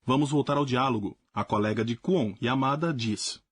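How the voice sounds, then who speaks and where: Husky male language teacher, dry sound. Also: medium pitch, moderate pace, no echo. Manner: clear, explanatory. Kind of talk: scripted lesson narration.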